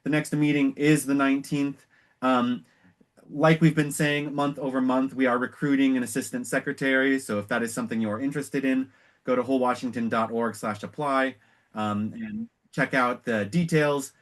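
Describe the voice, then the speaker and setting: An American man speaking as an organization's director, giving an informal, explanatory meeting presentation with measured phrasing and trailing pauses. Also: mid-range voice, fairly even intonation.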